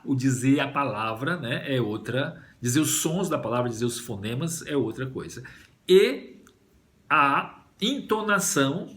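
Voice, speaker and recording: A man with a Brazilian Portuguese accent giving a language lecture, explaining step by step and often checking in with "né?". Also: medium pitch. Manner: explanatory, frequent "né?" tag questions, lively intonation. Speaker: language teacher giving a talk.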